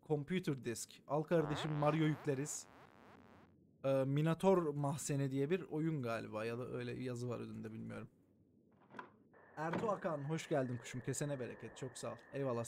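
A man's voice: fairly high pitch, gravelly, darkish tone, slight background noise. Swearing, joking male game streamer. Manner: joking, swearing often, thanking viewers by name. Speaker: live streamer. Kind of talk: live gameplay commentary.

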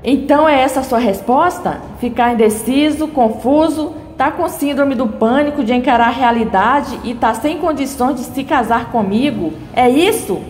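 A proud, furious jilted bride, read out by a woman, in a high voice. The lines come with mild emphasis from an echoey room with a long reverb tail. Faint music plays underneath. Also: moderate pace, hardly any pauses, a little mellow, natural voice. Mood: indignant.

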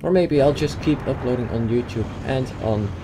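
This gaming YouTuber, a young Dutchman with a medium-pitched voice, talks at a moderate pace over a replay while game noise runs underneath. He has a Dutch accent and often stumbles, filling gaps and starting over.

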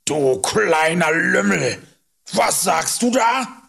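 A man doing a gruff, scornful hunter. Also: fairly high pitch, expressive, a little slow, voice pushed up, heavily acted. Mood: angry. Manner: mocking, harsh, insulting. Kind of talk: audiobook character voice.

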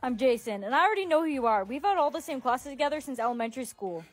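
A quiet, lonely teenage boy, played by a woman in a short comedy skit, speaking low and soft. His voice stays very high and thin for a boy. He sounds glum. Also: lively intonation, rapid-fire, faint music behind. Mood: subdued. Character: shy lonely teenage boy, gentle and gloomy.

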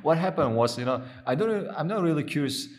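A young man with an Uzbek accent, co-hosting a casual podcast in his second language, chatty and quick to agree, with many "like" and "you know" fillers. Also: a little high, lively intonation, roomy sound. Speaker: podcast co-host. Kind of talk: casual chat.

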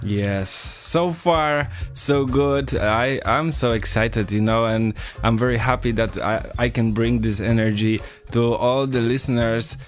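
Radio host: man, mid-pitched, Rasta-style slang, casual interviewing over music. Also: unhurried, few pauses. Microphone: studio microphone. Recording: music playing behind the voice.

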